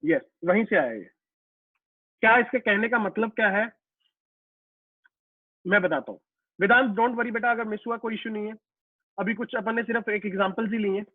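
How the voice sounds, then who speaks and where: Speaking a little fast in a high, steady voice, this man pauses often as he teaches physics in a live online class. He asks his own questions, answers them, addresses students as "beta," and draws on everyday examples. There's no room sound, just a dry, tinny, phone-like quality.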